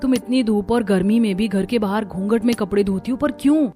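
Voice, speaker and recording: A woman's voice: medium pitch, a little fast, dark tone, natural voice. A woman voicing an outspoken young daughter-in-law from the city in a cartoon, frank and persuasive. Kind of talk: cartoon dubbing.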